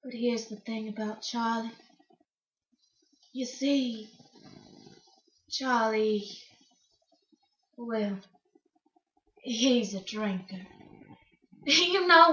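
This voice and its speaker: With a wistful, troubled air, a woman plays a dreamy, defiant country singer in a heavily acted stage monologue, her voice very high and bright. She spins her tale folksily and dramatically, pausing hesitantly, and the recording is roomy and somewhat dull.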